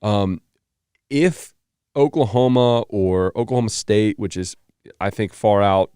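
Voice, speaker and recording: A man's voice: lowish voice, unhurried, dark tone, smooth, dry recording, studio quality. A man, co-hosting a casual sports talk show with joking banter. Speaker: podcast co-host.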